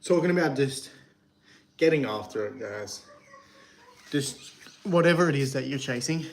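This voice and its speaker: A man's voice: mid-range voice, lively intonation. Breathless man in his twenties mid-workout. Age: 20s. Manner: pep-talk delivery, swears casually, pauses to count reps. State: out of breath from working out. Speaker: livestreaming creator. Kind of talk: casual motivational livestream. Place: hot home shed.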